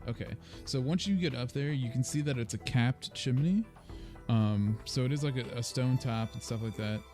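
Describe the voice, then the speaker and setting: A man's voice: medium pitch, moderate pace, a little mellow. A man narrating casually as game master of a tabletop role-playing game. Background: faint music.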